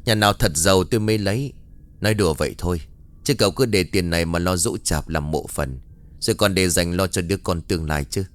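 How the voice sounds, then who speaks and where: A man's voice: low voice, brisk, natural voice. A man voicing a blunt, wry older female village shaman who talks brusquely and commandingly.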